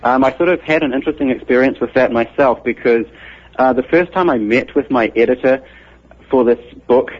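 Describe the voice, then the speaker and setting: Over muffled broadcast audio, a computer scientist with a New Zealand accent explains things methodically and patiently during an interview. He keeps a brisk pace, and his mid-range voice has a breathy edge.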